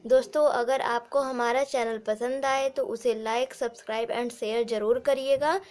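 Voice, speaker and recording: A woman with an Indian accent teaching grammar, explaining slowly and repeating points while addressing viewers as friends. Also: a little high, fairly even intonation, darkish tone. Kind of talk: explanatory lesson.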